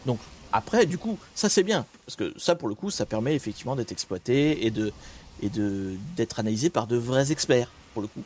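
A man's voice: medium pitch, animated, a little fast, a little mellow, slight background noise. A man streaming casual commentary to his audience, talking in a conversational, opinionated way as he thinks aloud. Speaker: streamer talking about cybersecurity.

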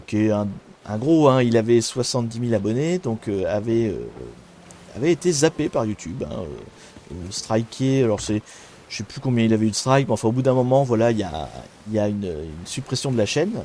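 A man's voice: medium pitch, big pitch swings, moderate pace, warm tone, a little hiss or hum. A man hosting a casual live stream, chatting with viewers while gaming, hesitant with many fillers and restarts. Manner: greets chat viewers by name. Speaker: streamer hosting a cybersecurity talk show.

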